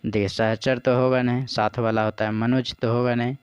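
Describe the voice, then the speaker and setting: A man's voice: mid-range voice, little pitch movement, moderate pace, clear, resonant tone, no room sound. A man patiently explaining practice exam questions as a teacher. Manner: patient, repeats "ठीक है" and "देखिए".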